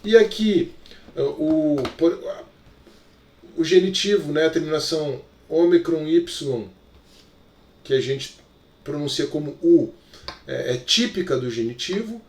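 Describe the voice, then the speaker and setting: A man's voice: a little high, expressive, measured pace, pauses often, darkish tone. A male teacher with a Brazilian Portuguese accent, giving a recorded lesson in an explanatory way, full of little check-in fillers. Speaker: Greek teacher. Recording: echoey room, voice from far off.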